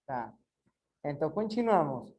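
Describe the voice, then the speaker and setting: A woman's voice: low-pitched, very animated, unhurried, mellow, slight background noise, rough recording. A woman teaching an online class, explaining patiently and drawing out words syllable by syllable. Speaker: Spanish teacher.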